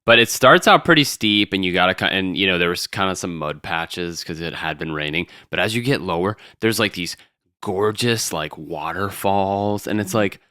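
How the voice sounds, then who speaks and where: A man's voice: sits low, normal speed, sharp tone, clean tone, dry recording, studio quality. A man co-hosting a podcast in casual chat, joking and laughing often as he rambles. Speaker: podcast co-host.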